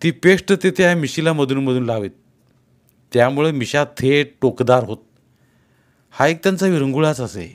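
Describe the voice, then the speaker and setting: A man reading a village story aloud in steady, even narration. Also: mid-range voice, normal speed, pauses often.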